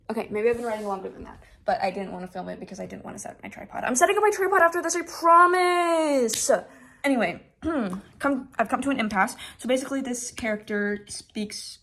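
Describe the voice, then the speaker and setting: A woman's voice: fairly high pitch, far from the mic. A teenage girl who is sick, chatting casually and rambling in a home vlog. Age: teens. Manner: chatty, rambling, self-deprecating. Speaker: vlogger. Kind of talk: casual vlog talk to camera. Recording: echoey room, voice from off mic, faint noise.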